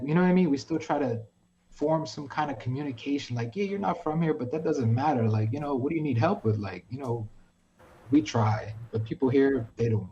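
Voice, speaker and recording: In a relaxed podcast chat, a guest from New York spins a swear-laden story, performing the dialogue as he goes. His voice is medium-pitched, the highs are cut off, and a little hiss or hum runs underneath.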